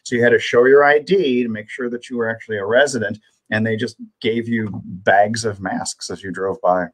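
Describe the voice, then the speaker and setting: A man co-hosting a casual live health show, playful and chatty, fond of joking about his narration voice. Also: fairly quick. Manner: playful, lively, likes putting on a deep narrator voice. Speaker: co-host, health coach.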